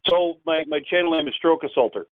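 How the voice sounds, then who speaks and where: A man's voice: a little high, fairly quick. A man from Canada calling in over the phone to a live show, chatting casually with teasing banter. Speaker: caller. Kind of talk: casual call-in chat. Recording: dry, tinny phone line.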